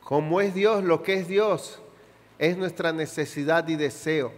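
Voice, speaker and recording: A Chilean Spanish–accented pastor delivers a sermon in an echoing church hall, voice on the high side. He asks the congregation questions and surges into abrupt shouts on drawn-out, emphasized words.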